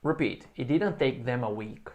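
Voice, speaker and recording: Man teaching English, slow repeated phrases. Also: medium pitch, a little mellow. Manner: explains in Portuguese, models English phrases slowly for repetition. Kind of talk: recorded online English lesson.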